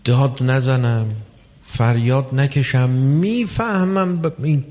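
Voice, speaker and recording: A man preaching a religious sermon, measured and emphatic, with long pauses between phrases. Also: mid-range voice, a little mellow. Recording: long hall reverb.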